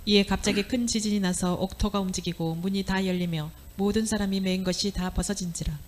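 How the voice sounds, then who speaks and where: Female scripture reader, mid pitch, brisk even recitation. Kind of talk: reading scripture aloud.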